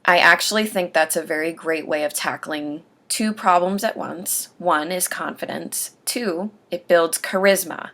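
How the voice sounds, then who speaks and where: A woman vlogger with a slight lisp giving denture aftercare advice, speaking slowly and over-enunciating her words in a casual video diary. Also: fairly low pitch, fairly bright tone. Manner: deliberate, over-enunciated speech. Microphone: webcam or camera mic while watching herself on screen.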